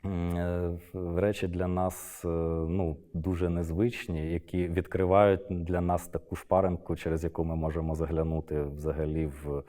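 A man's voice: sits low, flat delivery, normal speed, warm tone. A middle-aged man giving an unscripted lecture, hesitant, with many filler sounds and restarts. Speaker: Arabist lecturer.

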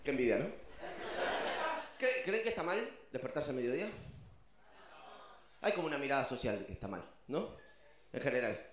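A man's voice: mid-range voice, a little fast, pauses often, roomy sound. A man with a Rioplatense Spanish accent doing a stand-up routine, telling stories and acting out voices. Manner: animated storytelling, acts out voices. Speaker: stand-up comedian.

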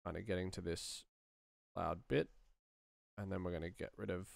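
A gravelly, low-voiced man in his thirties speaks at normal speed, muttering in fragments as he narrates his computer work for a casual screen-share. He's a sound designer and streamer in a small indoor room, and there's no echo.

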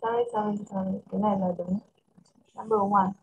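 A woman with a Vietnamese accent teaching English to a child over a video call, switching between English and Vietnamese and reading English phrases slowly. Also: medium pitch, level tone, gravelly, mellow, slight background noise, rough recording. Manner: mixes English and Vietnamese, slow careful English. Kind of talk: online English lesson for a child.

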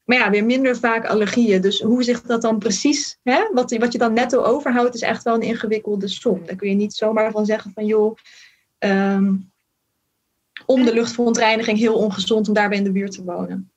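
A woman's voice: a little high, fairly even intonation, brisk, muffled recording. A woman from the Netherlands, a physician in training, explaining carefully in a casual podcast talk with many fillers and hedges. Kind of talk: casual conversation.

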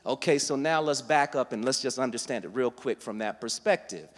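A man preaching a sermon, teaching verse by verse and building to loud, emphatic passages. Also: medium pitch, brisk, long reverb tail. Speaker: guest preacher. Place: church sanctuary.

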